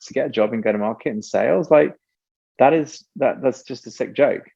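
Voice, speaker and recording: A male company founder speaking as an interview guest, animated and tangential, often laughing as he talks. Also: medium pitch, a little fast, creaky, slightly rough. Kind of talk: casual interview conversation. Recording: dull lo-fi remote audio.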